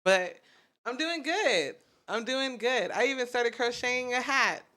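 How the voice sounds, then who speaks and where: Bright-voiced woman podcast producer chatting. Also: a little high, lively intonation, unhurried. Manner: rambling, self-admitted stuttering. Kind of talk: casual podcast chat.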